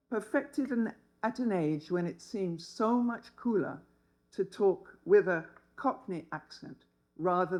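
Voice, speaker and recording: Older woman in her seventies, dry wit, tells her story slowly to a room of listeners. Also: on the low side, a little mellow, low-quality recording. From England. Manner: wry, humorous. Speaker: speaker. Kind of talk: personal storytelling talk.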